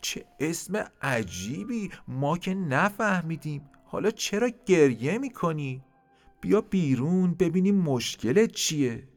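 A man voicing a bold, friendly leopard leader in a children's story, talking loudly with a lively, gravelly voice. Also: mid-range voice, soft background music. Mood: curious. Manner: loud, warm-hearted.

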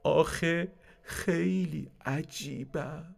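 Brief: sad, shy horse-leopard creature, put on by a male narrator, higher and gravelly. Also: animated. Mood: timid. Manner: timid, plaintive.

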